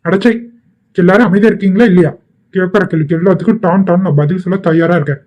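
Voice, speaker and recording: A hot-tempered young husband in a cartoon, voiced by a man issues stern warnings. The voice sits a little high, and the sound is dull and lo-fi. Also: fairly even intonation, quick pace, a little mellow, lightly acted.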